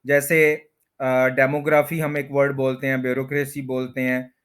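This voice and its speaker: A man teaching English word stress in a slow explanatory lesson, repeating each word and stretching its syllables. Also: medium pitch, flat delivery, smooth. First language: Urdu or Hindi.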